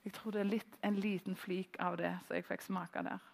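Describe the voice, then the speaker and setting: Middle-aged norwegian woman giving a sermon in church, chatty storytelling, a bit of gravel in her voice. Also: mid-range voice, little pitch movement. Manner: conversational, storytelling with pauses and fillers. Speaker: preacher.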